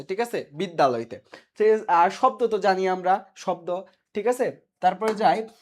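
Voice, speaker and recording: Man teaching a live online class. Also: sits high. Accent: Bangladeshi Bengali. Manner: repeats questions and answers, reads student names from comments.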